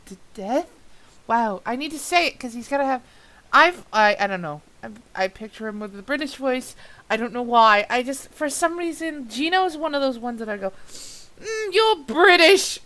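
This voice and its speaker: Bright-voiced woman laughing at her flubs. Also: fairly high pitch, animated, a little fast. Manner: swears and laughs at her own slip-ups; self-mocking, exasperated. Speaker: reader of a fan-fiction audio drama. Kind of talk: blooper reel while reading aloud.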